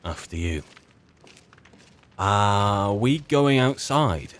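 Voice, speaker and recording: A gamer with a lowish voice stays in character as he plays, talking extremely slowly yet animatedly over the game's music. His commentary is casual role-play, full of musing and asides muttered to himself.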